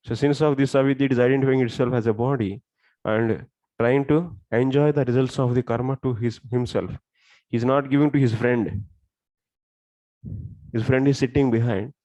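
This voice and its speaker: A man's voice: medium pitch, a little mellow, no echo, poor audio. A man with a South Indian accent teaching a religious lesson step by step, often putting questions to his listeners. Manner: explains step by step, asking questions. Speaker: scripture teacher.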